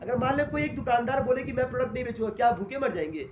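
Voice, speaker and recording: A man's voice: very high-pitched, expressive, very fast, lo-fi sound. A man teaching a class in Hindi mixed with English terms, asking questions and answering them himself. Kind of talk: classroom lecture. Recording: echoey room, faint noise.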